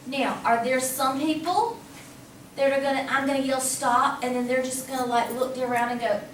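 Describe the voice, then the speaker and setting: A woman math teacher giving a lively classroom lecture, talking casually and asking the class questions. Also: sits high, brisk. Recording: echoey classroom from a distance, faint hum.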